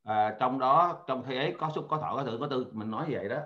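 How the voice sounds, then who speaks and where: A man's voice: medium pitch, quick pace. A man, a student in an online class, thinking aloud hesitantly with many fillers as he asks questions. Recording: dull lo-fi audio.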